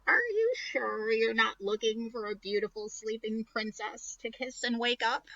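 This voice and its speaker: A woman's voice: on the high side, lively intonation, measured pace, bright, forceful tone, no room sound, highs cut off, voice pushed up, full character voice. A woman voicing a suspicious witch guarding a sleeping princess. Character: stern sleepy-kingdom witch.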